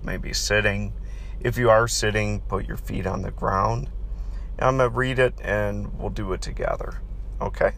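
A man with a fairly low voice and plenty of vocal fry guides a meditation. His delivery is calm and very slow, like a counselor reading instructions to soothe a listener. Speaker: podcast host and counselor leading guided meditation. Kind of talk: guided meditation, read aloud.

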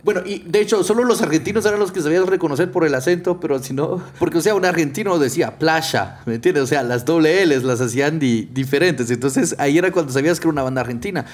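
A man's voice: on the high side, quick pace, hardly any pauses. Chatty man hosting. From Guatemala. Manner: chatty, explaining, frequent "o sea" and "¿me entiendes?". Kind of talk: casual chat.

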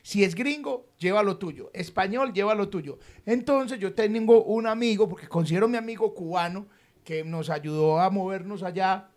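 A young man tells a story on a casual chat show. He is animated and slips into quoted voices as he talks. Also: sits high, normal speed. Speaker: podcast co-host.

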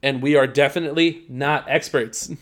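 A man's voice: medium pitch, fairly even intonation, moderate pace, fairly bright tone. A man co-hosting a casual podcast in slangy, hyped bro talk, swearing freely. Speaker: podcast co-host.

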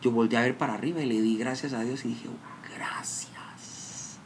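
A man's voice: mid-range voice, fairly even intonation, rapid-fire. Brief: Guatemalan man, personal storytelling talk, emotional and dramatic, stumbles and restarts, faint background hiss. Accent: Guatemalan Spanish. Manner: emotional, self-interrupting, dramatic retelling.

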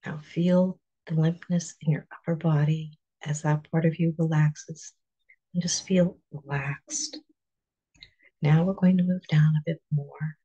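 A relaxation guide leading a guided muscle relaxation in a soft, calm, partly whispered voice, counting slowly to five between steps. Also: mid-range voice, breathy edge, highs cut off.

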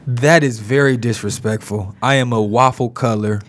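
A man's voice: medium pitch, fairly even intonation, moderate pace. A man with a Detroit-area American accent co-hosting a podcast in casual banter, joking, laughing often and trailing off. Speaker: podcast co-host. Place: podcast studio.

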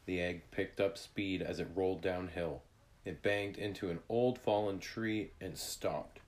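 A man narrating a children's book chapter in a calm, deliberate reading voice. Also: low voice.

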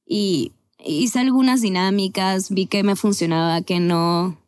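A woman's voice: mid-range voice, unhurried, darkish tone. Podcast guest: woman in her twenties from Venezuela, candid and chatty, mid-range voice. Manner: candid, chatty, with laughs and self-corrections. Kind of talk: casual conversational storytelling.

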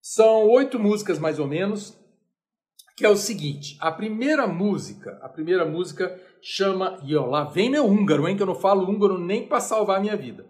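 A man's voice: high voice, animated, a little fast, a little mellow. A Brazilian man giving a chatty, informal music lecture. He is self-deprecating and sings note names aloud. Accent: Brazilian Portuguese.

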